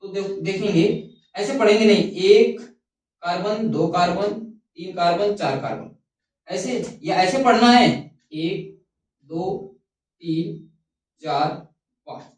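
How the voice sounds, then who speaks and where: A man's voice: high-pitched, takes it slowly, pauses often. Echoey far-off man teaching chemistry. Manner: asks the class questions and answers them himself, repeating key words. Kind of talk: chemistry lesson at a whiteboard. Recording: very echoey room, mic far off.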